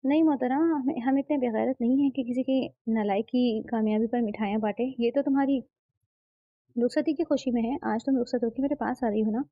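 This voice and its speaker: A smug young man who mocks and teases his bride, lines read in a gravelly, slightly high storybook voice by a woman narrator. The recording is dry and a little muffled. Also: steady tone, brisk, no echo. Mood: mocking. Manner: smug, mocking, teasing. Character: teasing arrogant young man, the groom.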